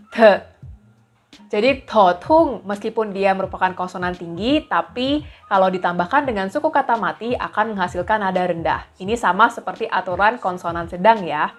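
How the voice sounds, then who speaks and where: Patient woman teaching, soft music behind. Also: mid-range voice. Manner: patient, repeats sample syllables slowly. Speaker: language teacher. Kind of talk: explaining lesson.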